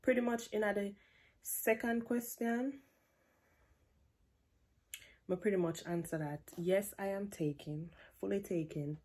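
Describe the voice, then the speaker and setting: A woman's voice: mid-range voice, moderate pace, breathy edge. A woman in her twenties from Jamaica with a Jamaican accent, chatting playfully in a casual Q&A vlog from her bedroom, slipping into patois. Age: 20s. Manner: relaxed, playful, drifts into patois. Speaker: vlogger. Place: bedroom, indoors. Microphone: camera at close range.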